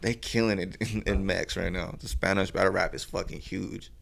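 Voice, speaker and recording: A man's voice: low voice, steady tone, moderate pace, vocal fry, fairly bright tone. A young man from California talking casually as a podcast guest, rambling and laid-back with lots of swearing and fillers. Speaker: podcast guest, battle rapper.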